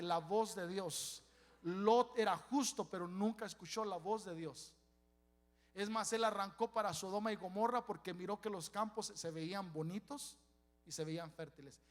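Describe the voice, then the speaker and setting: A man preaching a sermon as pastor, swinging from soft, drawn-out words to loud calls for the congregation to repeat after him. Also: high-pitched.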